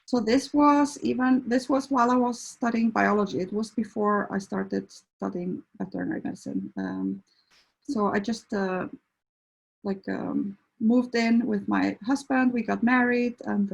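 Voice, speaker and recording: A middle-aged woman from Iceland talks through a casual introduction as a veterinarian. Her voice has a gravelly fry and a husky edge. She pauses often and restarts her sentences. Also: medium pitch, expressive, low-quality recording. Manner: hesitant, many fillers and restarts. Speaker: veterinarian and behavior counselor.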